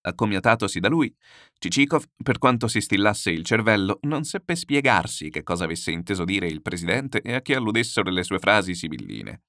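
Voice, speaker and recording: A male narrator reads a novel aloud in a theatrical, animated way. His voice sits lowish but moves a lot. The recording is dry and close. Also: a little fast, no room sound. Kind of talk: expressive audiobook reading.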